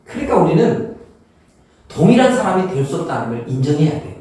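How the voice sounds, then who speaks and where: A male pastor delivers a folksy, humorous sermon, slipping into little acted-out dialogues. His voice sits a bit high for a man. It is heard from some distance in a church with a heavy, booming echo. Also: sing-song, a little fast, warm tone. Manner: acts out everyday speakers in quoted dialogue. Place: church sanctuary.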